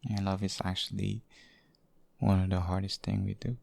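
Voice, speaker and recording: A man voicing a devoted, possessive boyfriend in an intimate, hushed ASMR role-play, speaking haltingly and tenderly. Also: sits low, completely flat delivery, gravelly. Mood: earnest, devoted. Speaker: audio role-play performer.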